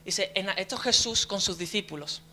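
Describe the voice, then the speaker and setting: A man's voice: sits high, brisk, sharp tone, slight background noise. A young man, preaching a conversational sermon as a deacon, telling his story with frequent tag questions and restarts.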